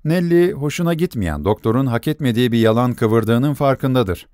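A man narrating a story in a measured, expressive reading. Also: mid-range voice, no room sound, clean studio sound.

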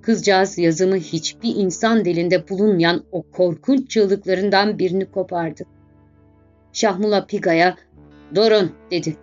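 A woman narrating a classic novel in a slow, measured reading. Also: fairly low pitch, fairly even intonation, a little mellow. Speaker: audiobook narrator. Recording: dull lo-fi audiobook with faint background music.

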